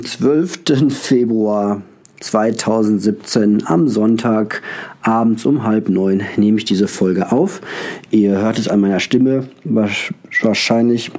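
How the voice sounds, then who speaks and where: A male podcast host with a cold talks through a casual solo monologue in a fairly low, warm voice, speaking slowly. He coughs now and then and sounds hesitant, with lots of filler sounds and restarts.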